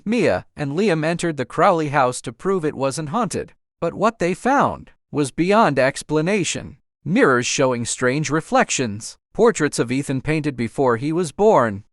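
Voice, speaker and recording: Animated man narrating dark horror. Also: fairly high pitch, dry recording, studio quality. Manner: suspenseful, theatrical delivery.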